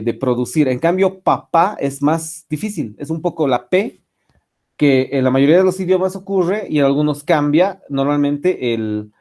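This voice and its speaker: A man's voice: medium pitch, darkish tone. A man giving an online English lesson, rambling with many fillers and restarts. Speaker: English teacher. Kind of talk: online lecture.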